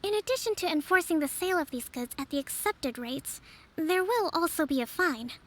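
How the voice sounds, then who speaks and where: This young woman is a divine priestess who leads an island, calm and measured, and she speaks in a composed, formal, gently authoritative way with a firm mood. Her voice is very high-pitched and a little fast. It's game audio with soft music playing behind her.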